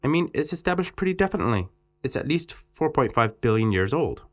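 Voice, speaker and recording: Guy reading an english exam passage, voice swoops up and down a lot. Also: fast talker. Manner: lively, expressive reading with pitch swings on quotes. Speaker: exam text reader. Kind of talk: reading an exam text aloud.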